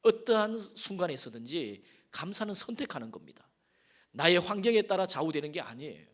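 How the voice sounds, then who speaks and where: Korean pastor preaching with rising emphasis. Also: male voice, sits high, big pitch swings, a little fast, a bit bright. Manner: emphatic preaching with swells in volume and rhetorical questions to the congregation; folksy storytelling with asides and affirming "yes". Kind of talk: sermon. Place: church sanctuary.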